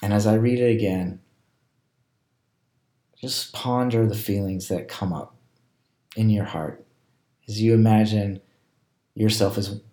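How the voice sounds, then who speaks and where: A man leading a guided scripture meditation, reading a passage and then asking reflective, gentle questions. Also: fairly low pitch, steady tone, a little slow, pauses often. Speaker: prayer leader. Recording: roomy echo.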